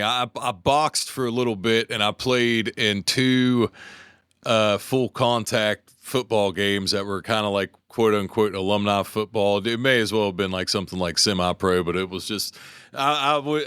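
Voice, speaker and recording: A man's voice: fairly low pitch, smooth, dry recording, studio quality. A man in his forties from West Virginia, co-hosting a podcast and telling stories in a loose, rambling way. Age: 40s. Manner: animated rambling storyteller. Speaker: podcast co-host, delivery driver. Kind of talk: casual chat.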